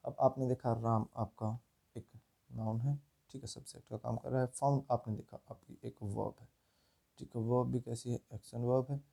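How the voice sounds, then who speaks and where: A man teaching English grammar, explaining slowly and often asking whether students follow. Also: mid-range voice, steady tone, creaky, warm tone, slightly rough. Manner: repetitive checking-in, asks if students understand. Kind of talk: classroom lesson explaining grammar.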